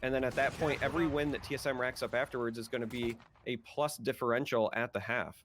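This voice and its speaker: Midwest guy casting a video game match, mid pitch, gets loud on big plays, faint hiss behind. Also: steady tone, quick pace. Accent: American Midwest. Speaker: esports caster. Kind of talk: play-by-play commentary.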